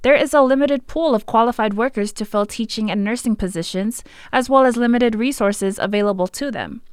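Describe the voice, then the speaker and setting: Casting: female podcast host, clear resonant voice, scripted read in a dry recording. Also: a little high, brisk, no room sound. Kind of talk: scripted narration.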